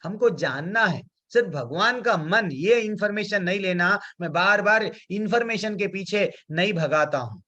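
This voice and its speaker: A man's voice: high voice, moderate pace, hardly any pauses, pushed and bright. A man teaching a devotional scripture class, chanting Sanskrit verses and explaining them in chatty, English-mixed speech with many fillers. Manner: conversational, many fillers and restarts. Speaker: spiritual teacher.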